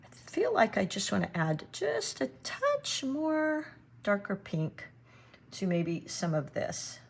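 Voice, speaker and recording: A woman giving a relaxed watercolor painting demonstration, thinking aloud as she works and chatting to her viewers. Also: mid-range voice, slow pace, vocal fry. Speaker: watercolor art teacher.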